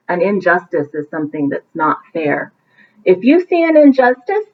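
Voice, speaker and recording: Her medium-pitched voice carries a touch of hiss or hum as this teacher reads a picture book to children at bedtime. She breaks in with encouraging asides that keep explanations simple, and the audio has a thin, phone-like narrowband sound.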